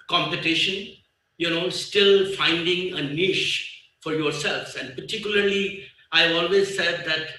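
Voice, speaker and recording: A man's voice: fairly high pitch, sharp tone. Nepali-accented older man speaking in an echoey hall. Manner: emphatic, repeats key phrases, pauses with fillers. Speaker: business leader, guest speaker. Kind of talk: conference speech. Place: large conference hall. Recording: echoey hall, voice far from the mic.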